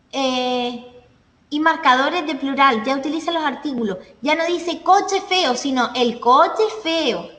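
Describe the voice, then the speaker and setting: Female teacher, high voice, classroom lecture with examples and check-ins; roomy, echoey sound. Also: fairly bright tone. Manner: explains step by step with examples and checks with listeners. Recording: echoey room, voice from a distance.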